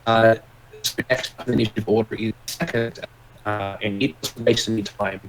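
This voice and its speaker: Low-voiced guy gm-ing a game on voice chat, mic clipping and distorted, lots of "sort of". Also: steady tone, a little fast, a little hiss or hum. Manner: hesitant, full of "sort of" fillers. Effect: clipping, distorted mic breaking up. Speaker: game master. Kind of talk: narrating a tabletop game online.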